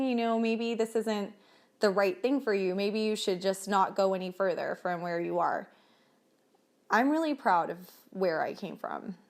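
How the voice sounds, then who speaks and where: A woman talking earnestly and casually to camera in a motivational vlog, with fillers like "um" and "like.". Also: mid-range voice. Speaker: vlogger.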